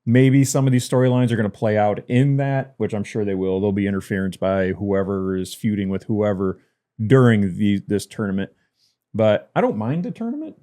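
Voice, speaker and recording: A man co-hosting a casual wrestling podcast, chatty and quick to laugh as he rants about sports and wrestling. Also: medium pitch, dark tone. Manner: chatty, laughs while ranting. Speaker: podcast co-host. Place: lives in Detroit.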